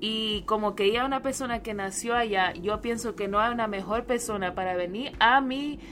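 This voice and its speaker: Bright-voiced woman podcast host. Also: on the high side, brisk. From United States. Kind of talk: conversational podcast interviewing.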